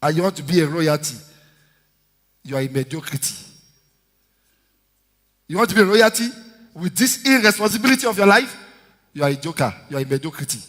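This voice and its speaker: A man in his fifties, a senior pastor preaching a sermon with shouted call-and-response to his congregation. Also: a little high, expressive, fairly quick, long pauses. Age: 50s. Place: church hall. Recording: echoey church hall reverb.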